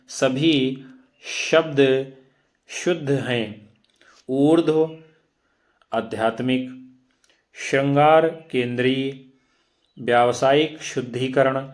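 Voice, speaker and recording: A male teacher works through exam questions at an unhurried, very slow pace. He reads every option aloud in a medium-pitched voice and explains each one to his students with deliberate care. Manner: slow, measured, deliberate syllable-by-syllable reading; addresses students directly, repeats options aloud. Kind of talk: reading out and explaining quiz answers.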